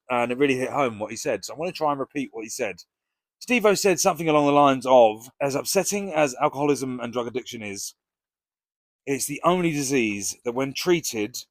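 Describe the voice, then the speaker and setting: A man's voice: medium pitch, dry recording. A British man talking casually and frankly to camera as a vlogger, with plenty of swearing. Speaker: recovery vlogger.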